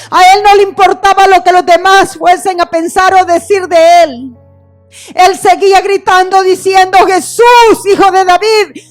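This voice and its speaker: Mujer predicando con voz aguda y pausada. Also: female voice, very high voice. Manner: impassioned preaching, cries out the blind man's plea. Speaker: pastor. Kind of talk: sermon.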